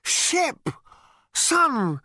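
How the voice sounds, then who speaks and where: A man's voice: very high voice, big pitch swings, very slow, sharp tone, no room sound, clean studio sound, voice pushed up, heavily acted. A man voicing a drunk male alien traveller who rambles in a slurred, overfamiliar way. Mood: tipsy, rambling.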